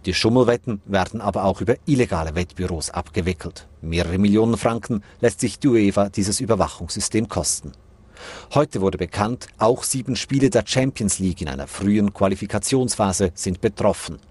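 A man's voice: fairly low pitch, a little fast, a little mellow, husky. A male reporter reading a scripted radio news report in a formal way. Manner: formal, narrating.

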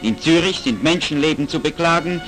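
An old wartime newsreel voice from the 1940s. The man speaks fairly high and announces in a formal, declamatory way. It is a vintage archive soundtrack with a little music underneath. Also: a little fast, fairly bright tone, rough recording. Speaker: newsreel narrator.

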